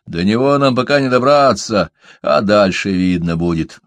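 A man's voice: fairly low pitch, expressive, moderate pace, no echo, lightly acted. A man voicing a small young male hobbit who talks bluntly and impatiently.

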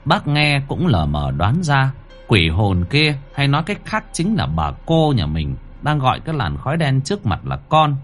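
A man narrating a horror story in a dramatic, highly expressive manner. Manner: highly expressive, rising to cries.

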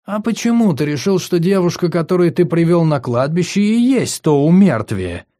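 A male audiobook reader voicing a calm, patient male healer who asks questions in a gentle, measured way. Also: fairly high pitch, pitched above the performer's own voice. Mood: probing.

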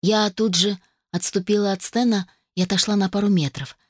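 A woman reading a first-person novel aloud as an audiobook narrator, in an even, steady manner. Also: medium pitch, moderate pace, no echo, studio quality.

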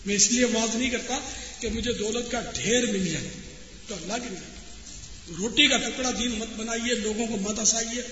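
A man's voice: very high-pitched, background noise. A man preaching a sermon, scolding his listeners with pointed rhetorical questions. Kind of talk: sermon to an audience. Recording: echoey hall, slightly dull sound.

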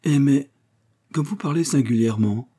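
A man voicing a gentle, wistful young noble lady in an audiobook, with soft, earnest courtly speech. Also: mid-range voice, moderate pace, breathy edge, voice pushed up, close to an everyday voice. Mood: flustered. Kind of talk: audiobook character voice.

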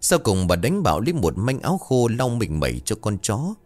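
Low-voiced man narrating a ghost story. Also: big pitch swings, fairly quick, a little mellow, faint music behind. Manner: suspenseful, dramatic. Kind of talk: scripted horror story narration.

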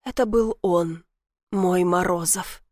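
A woman's voice: on the low side, slow, a little mellow, no room sound, clean studio sound. A woman reading a first-person novel aloud, telling it tensely and dramatically. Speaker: audiobook narrator.

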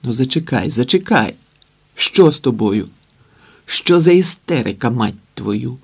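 A man's voice: mid-range voice, animated, unhurried, creaky, slightly rough, heavily acted. A man voicing a blunt, cocky young mechanic who talks curtly in slang. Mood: persuading.

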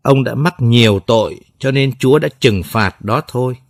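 A man voicing a grieving mother who speaks softly and tearfully. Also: mid-range voice, normal speed, no room sound, clean studio sound, natural voice. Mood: sorrowful. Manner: tearful, pleading, soft. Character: grieving mother, gentle but firm.

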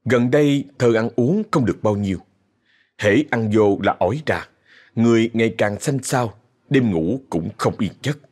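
A man narrating a ghost story in a dramatic, expressive way. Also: on the low side, moderate pace.

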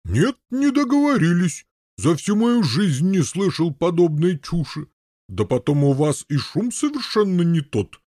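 A man voicing a gruff, grumbling elderly Norman knight in an audiobook, with a husky, blustering manner. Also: sits high, very animated, measured pace, warm tone, no room sound, clean studio sound, pitched above the performer's own voice, exaggerated voice. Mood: huffy. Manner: blustering, huffy protests. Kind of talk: audiobook character voice.

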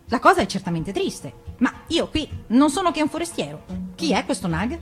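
A woman voicing a brave, curious young mongoose in a storybook reading, with a lively questioning manner. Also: sits high, brisk, soft background music, pitched above the performer's own voice.

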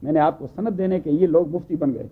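A man teaching a scripture class in a storytelling manner, repeating phrases for emphasis and reciting Arabic lines slowly. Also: fairly high pitch, breathy edge. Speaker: Quran teacher. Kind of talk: Urdu Quran commentary class. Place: mosque or community hall class. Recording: tinny phone-like recording.

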